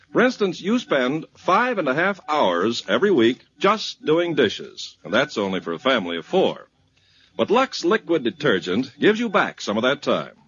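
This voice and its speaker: A man announces a 1950s radio program and reads a sponsor's ad with an emphatic, sing-song salesman delivery. His voice is mid-range and a bit bright. The broadcast sounds muffled, with music in it.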